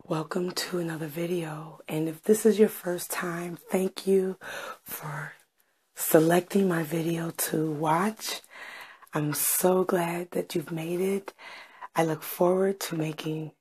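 Slow, breathy whispering woman. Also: fairly low pitch, fairly even intonation. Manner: soft whispering, slow and soothing. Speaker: ASMR creator. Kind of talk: ASMR.

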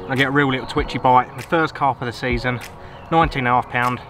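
A young English man vlogging by a lake from his fishing tent, talking in a relaxed, understated way to the camera mic. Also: medium pitch, fast talker. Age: young adult. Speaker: angler vlogger. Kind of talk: casual vlog narration. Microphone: camera mic, seated in front of camera. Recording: outdoor recording with clear ambient noise.

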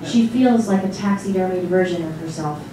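On a small stage before a seated audience, a woman gives a scripted, dramatic narration as a stage reading. Her voice is on the low side and moves at a moderate pace. It's recorded from a distant mic in a very echoey, noisy hall.

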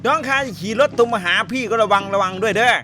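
A young man rattles off rowdy, crude jokes while commentating his shooter game, talking very quickly. His voice sits high for a man and sounds bright and sharp. Faint game music runs underneath. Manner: rowdy, joking and crude, full of swearing and banter. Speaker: game streamer. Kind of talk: comedic gameplay commentary.

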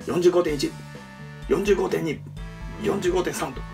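A man's voice: on the high side, measured pace, creaky, far from the mic, music in the background, pitched above the performer's own voice. A man playing a stern, sly drill sergeant who counts push-ups relentlessly in a comic impression. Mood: drawn-out, sly. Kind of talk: comedic impression in a sketch-like talk.

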